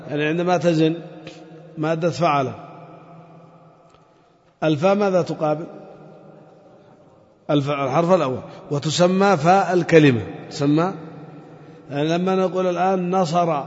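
Man teaching a class in a reverberant hall. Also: on the high side. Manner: explanatory, quizzes students, repeats terms. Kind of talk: classroom grammar lesson. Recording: muffled audio with long hall reverb.

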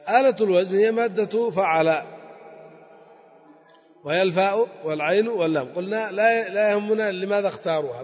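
A man's voice: high voice, slightly rough. A man teaching a grammar lesson, explaining step by step and repeating key words. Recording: dull lo-fi recording with long hall reverb.

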